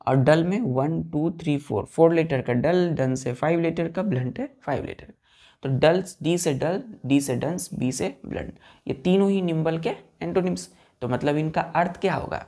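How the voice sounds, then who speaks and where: Low gravelly Indian woman teaching. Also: mellow. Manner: spells words letter by letter and repeats questions to students. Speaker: English vocabulary teacher. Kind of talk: classroom vocabulary lesson.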